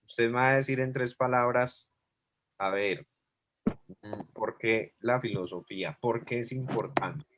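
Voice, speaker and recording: Patient teacher explaining. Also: male voice, mid-range voice, a little slow, heavy background noise. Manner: patient, explanatory, thinking aloud. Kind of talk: online class lecture.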